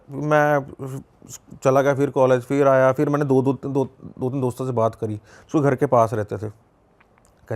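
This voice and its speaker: A man's voice: mid-range voice, creaky, darkish tone. A young man with a Punjabi accent telling a personal story in casual conversation, repeating himself and acting out the dialogue. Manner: conversational, lots of repetition and quoted dialogue. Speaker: podcast guest.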